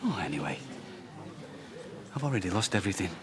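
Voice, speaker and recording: Man, very low voice, bitter sarcastic, loud pub chatter behind. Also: very animated, a little fast. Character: bitter, heartbroken young man who lost his baby.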